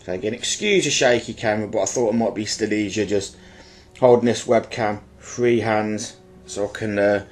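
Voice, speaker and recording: With soft background music underneath, a man speaks at normal speed in a fairly low, fairly even voice. He is stuffy and slightly bunged-up from a blocked nose, rambling informally and apologetically while presenting an item in his own video, unboxing-style.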